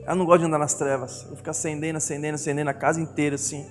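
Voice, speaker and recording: A man's voice: on the high side, level tone, very fast. A middle-aged man with a Brazilian Portuguese accent, preaching a sermon and telling family stories, acting out the voices of his wife and children. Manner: storytelling, acts out family voices. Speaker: pastor. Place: church hall. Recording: long reverb of a church hall with music.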